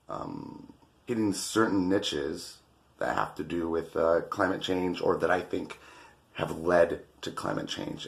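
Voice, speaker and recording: Male, very deep and gravelly, casual offhand delivery. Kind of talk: casual video answer.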